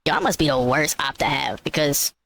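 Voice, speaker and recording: A man's voice: on the high side, a little fast, vocal fry, sharp tone, slight background noise. A man delivering a mock-serious comedy monologue, insisting on absurd claims. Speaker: skit comedian.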